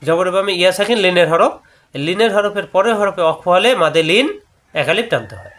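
A man with a Bangladeshi Bengali accent teaching tajweed rules, explaining step by step and breaking off to chant verses slowly. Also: sits high, lively intonation, fairly bright tone. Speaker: Quran recitation teacher. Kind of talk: tajweed lesson with chanted recitation.

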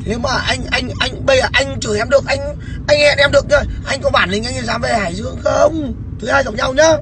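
A man's voice: very high-pitched, brisk, over music. A man livestreaming a heated phone call, mocking and swearing at the caller in a sarcastic, taunting way.

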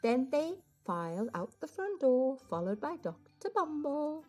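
A woman hosting a children's read-aloud, telling a picture book story expressively and deliberately. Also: high voice, sing-song, warm tone. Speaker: storyteller, host. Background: music.

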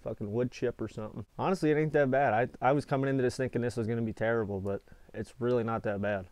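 This fast-talking American, in his twenties, hosts a video channel and reviews products while keeping a lip full of dip, his chat relaxed, casual and plain-spoken. The voice sits mid-range, a little mellow, with fairly even intonation and no echo. Foil insulation lines the walls of the small indoor room he records in.

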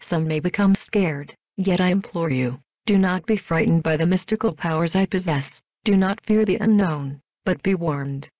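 A woman's voice: lowish voice, moderate pace, few pauses, darkish tone, no echo. A woman voicing a showy robot stage magician in a game clip, with a robotic synthetic voice and grand announcing manner that breaks into error glitches. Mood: theatrical.

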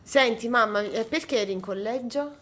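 A woman's voice: on the high side, moderate pace, a bit bright. A middle-aged woman from Campania, asking casual questions as a family interviewer. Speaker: daughter interviewing her mother behind the camera. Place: home kitchen, indoors. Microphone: phone, behind the camera. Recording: noisy phone recording in kitchen.

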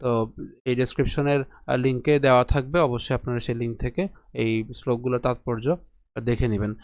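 A man teaching correct Sanskrit pronunciation of a scripture verse, asking and answering his own questions, chanting slowly syllable by syllable. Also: mid-range voice, level tone, dry recording. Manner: explains and asks rhetorical questions. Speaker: Gita recitation teacher. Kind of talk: online pronunciation lesson.

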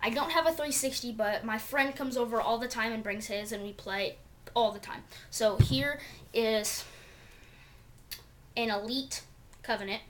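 A woman's voice: on the high side, a little slow, pauses often, a bit bright, a little hiss or hum. A young woman chatting casually in a home vlog, rambling with lots of fillers, recorded on a camera mic. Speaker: vlogger.

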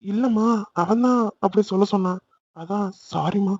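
A man's voice: high voice, normal speed, darkish tone, no room sound, lo-fi sound. A man voicing a fretful older brother and friend in a cartoon, placating and apologetic.

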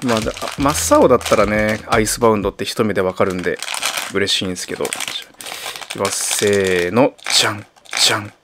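A man chatting casually while unboxing toys, getting excited and breaking into laughs and exclamations. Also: on the low side, fast talker, background noise. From Japan.

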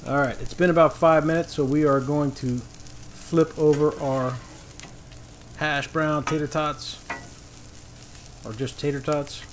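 Speaking in a voice on the high side with fairly even intonation, a man walks through a casual griddle cookout at a measured pace, leaving long pauses. His instructions are easygoing and folksy. The setting is a paved outdoor patio, with clear sizzling and frying behind him.

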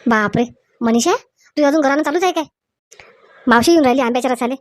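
A bossy middle-aged mother-in-law who hurries and scolds, as a woman acts her out. Her pitch sits high, and the sound is dry and close. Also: quick pace, darkish tone, no echo, close to an everyday voice. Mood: scolding.

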